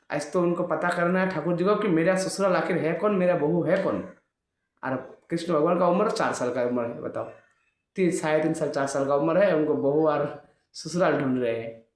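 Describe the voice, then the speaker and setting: Man, religious storyteller, lively devotional sermon, higher voice, roomy echo. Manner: lively, acts out every character. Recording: echoey room.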